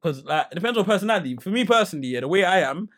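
Young male, London roadman accent, high-pitched and quick, slang-heavy, talkative casual banter. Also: animated, a bit bright. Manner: slangy urban street talk, repeats phrases for emphasis; outgoing, talkative. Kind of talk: casual banter among friends.

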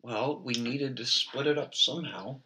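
A man's voice: medium pitch, normal speed, pushed and bright. A young man in a comedy bit, exasperated and defensively correcting his friend in a pedantic way. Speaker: comedic co-host. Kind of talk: improvised comedy bickering.

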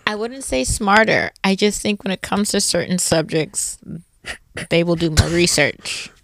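A woman's voice: on the low side, unhurried, vocal fry, fairly bright tone, a little hiss or hum. A woman co-hosting a podcast, laid-back and giggly in casual chat. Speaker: podcast co-host.

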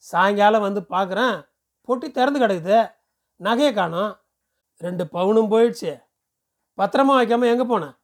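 A man's voice: sits high, moderate pace, pauses often. A man voicing a distressed, pleading poor village woman who talks anxiously.

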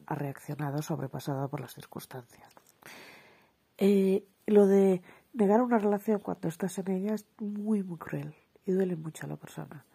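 A woman hosts a solo podcast in a frank, chatty way, often correcting herself. Her voice sits low and has a gravelly, husky grain. She checks in with the listener as she explains. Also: warm tone. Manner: chatty, frank, self-correcting, keeps asking "vale". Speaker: podcast host. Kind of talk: solo podcast talk on relationships.

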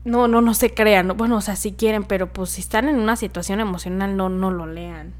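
A young woman hosting a casual advice monologue, affectionate and chatty, often laughing and sometimes dropping to a soft murmur. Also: medium pitch, fairly even intonation, fairly quick. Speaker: podcast host.

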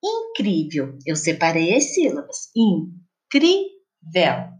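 A woman teacher with a Brazilian Portuguese accent, patiently explaining homework exercises to children in a slow, sing-song classroom voice. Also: high-pitched, big pitch swings.

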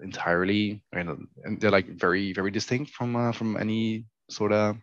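A young Dutch man speaks English with a Dutch accent, casually rambling and restarting his sentences. His voice sits very low. The sound is dry and a little dull, as from a modest mic. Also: normal speed, no echo. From Netherlands. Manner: relaxed, rambling, many fillers and restarts. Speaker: guest. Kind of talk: casual interview chat.

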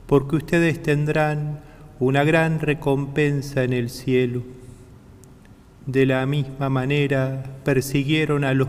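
A man reading the gospel at Mass as priest, solemn and even, in a long church reverb. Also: medium pitch. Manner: slow, even, solemn delivery. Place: large church.

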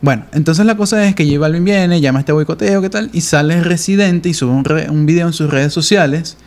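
A man's voice: a little high, fairly quick, a little mellow. A man co-hosting a casual chat, playfully recapping a story. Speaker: podcast co-host.

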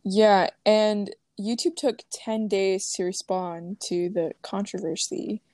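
A woman's voice: medium pitch, fairly even intonation, slow pace, dark tone, no echo, clean studio sound. Laughing young woman in casual chat. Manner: rambling, laughs often, many fillers. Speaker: podcast co-host.

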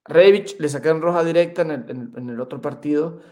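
Man, podcast co-host, casual chat, excitable, stumbles and repeats words, slightly high voice. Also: a little fast. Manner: excitable, repeats words while searching for them.

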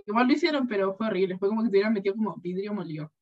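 A young woman with a Chilean accent in casual chat, telling a story with animated asides and acted-out quotes. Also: mid-range voice, rapid-fire. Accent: Chilean Spanish. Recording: dull lo-fi sound.

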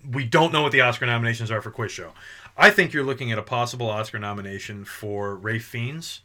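A man co-hosting a movie podcast in casual chat, animated and quick to laugh, often restarting his sentences. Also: medium pitch. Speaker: podcast co-host.

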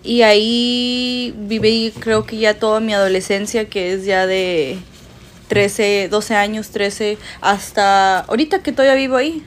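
A woman's voice: mid-range voice, steady tone, measured pace, slight background noise. A woman in her twenties from Mexico, chatting casually as a podcast co-host, laughing often and switching between Spanish and English. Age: 20s. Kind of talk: casual chat.

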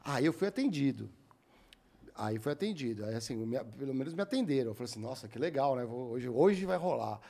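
A man's voice: mid-range voice, brisk, gravelly. A young Brazilian man hosting a podcast, telling a long everyday story casually and acting out the other people's lines as he goes. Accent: Brazilian Portuguese. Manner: animated, acts out quoted voices. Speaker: podcast host.

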